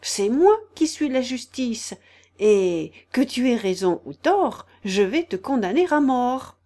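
A woman's voice: high-pitched, lively intonation, slow, a little mellow, pitched above the performer's own voice. A woman voicing a spiteful, malicious dog who appoints himself judge. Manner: malicious, eager.

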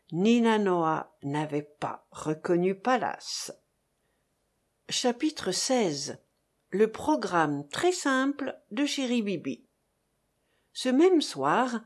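A woman narrating a novel aloud in a measured, expressive reading. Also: fairly low pitch. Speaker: audiobook narrator. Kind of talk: scripted narration.

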